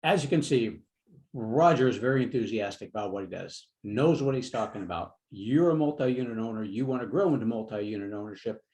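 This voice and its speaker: Fast-talking upbeat podcast host man. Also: lowish voice, darkish tone, rough recording. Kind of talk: interview hosting.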